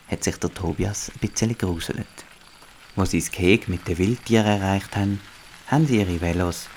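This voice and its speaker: Speaking with a Swiss German accent, a man with a deep, slightly mellow voice narrates a scripted children's story as the storyteller of an audio play.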